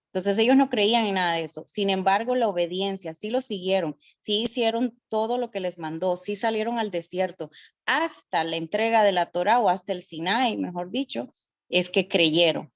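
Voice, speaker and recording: A woman's voice: medium pitch, moderate pace, dry recording. Woman student on a muffled call, hesitant, lots of "eh" and restarts. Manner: hesitant, many fillers and restarts. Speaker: student asking a question. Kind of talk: class question over a call.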